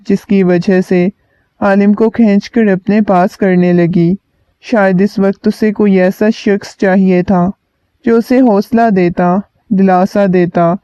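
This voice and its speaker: A man narrating a romance novel aloud in an even, steady storytelling manner, on a dull lo-fi recording. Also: sits high, smooth, dry recording.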